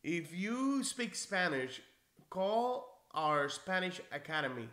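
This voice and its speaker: A Cuban NCLEX prep instructor in his forties takes viewer comments in a live-stream Q&A, seated in a leather chair in a small office with echo. His bright voice is high and sing-song, paced slowly, and he stays friendly and encouraging, chatting conversationally with restarts.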